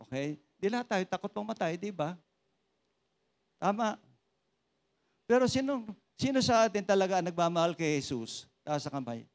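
A man preaching a sermon and telling his own testimony, joking with the congregation and switching between Tagalog and English. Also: a little high. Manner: animated, joking with the congregation, asks for raised hands.

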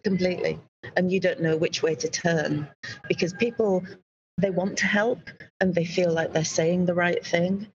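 A woman with a Yorkshire accent, chatting as a guest in an interview and telling stories in an upbeat, lively way. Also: lowish voice, normal speed, a little hiss or hum. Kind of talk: casual interview chat. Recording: dull lo-fi remote audio.

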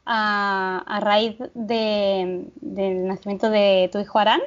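A woman's voice: medium pitch, little pitch movement, slow pace. A woman hosting an interview, enthusiastic and a little hesitant, often repeating words. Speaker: interview host. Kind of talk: conversational interview. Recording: dull lo-fi sound.

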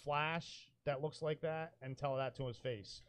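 Playful man, slightly high voice. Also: fairly even intonation. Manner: playful, teasing, quick to laugh. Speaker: podcast co-host. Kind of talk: casual chat.

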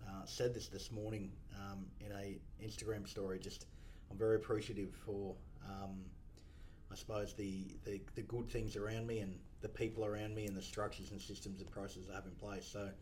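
Aussie bloke on a podcast, lowish voice, lots of ums, bit of background hiss. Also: male voice, little pitch movement, normal speed, a little mellow. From Australia. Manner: reflective, many fillers and restarts. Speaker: podcast guest, car dealership principal. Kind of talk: casual podcast chat.

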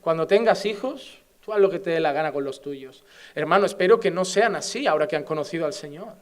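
In a fairly high, animated voice at a fairly quick pace, a middle-aged preacher with a Spanish accent from Spain gives an impassioned sermon full of rhetorical questions, rising to fervent exhortation.

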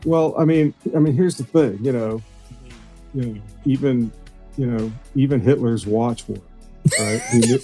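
A man appears as a guest on a live stream for a casual group chat, rambling, restarting his sentences often and swearing freely. His mid-range voice is mellow and unhurried, with soft music playing in the background.

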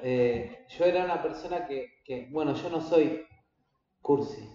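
A man pastor teaching his congregation in a halting way, with many fillers and repeated words. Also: on the high side, a crowd in the background. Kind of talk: church teaching talk. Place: church hall. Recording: echoey hall, distant, dull and slightly noisy.

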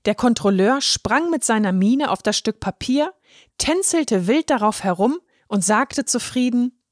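A woman narrating a children's story in a gentle, expressive reading voice. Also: fairly high pitch, measured pace, no room sound, studio quality.

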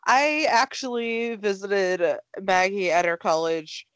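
A woman's voice: medium pitch, slow, no echo, low-quality recording. A woman hosting a casual podcast chat, gushing with enthusiasm and laughing often. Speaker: podcast host.

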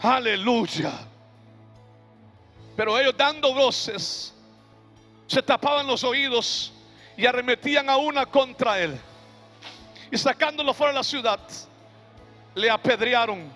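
A man preaching a fiery sermon, shouting and calling the congregation to repeat after him. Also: extremely high pitch. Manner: shouting, call-and-response exhortation.

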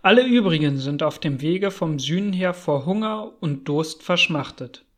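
A man's voice: on the high side, expressive, normal speed, a bit bright. A man voicing a worn-out, rescued male wanderer who speaks with eager, emphatic exclamations. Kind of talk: audiobook character voice.

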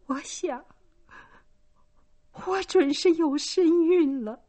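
A young farm girl whimpers and stammers through her tears in this storybook reading, voiced by a woman. Her voice sits high above the reader's own and wavers. The lines come slow and broken. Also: warm tone. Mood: stammering. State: crying. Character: young farm girl, pregnant, sobbing and timid.

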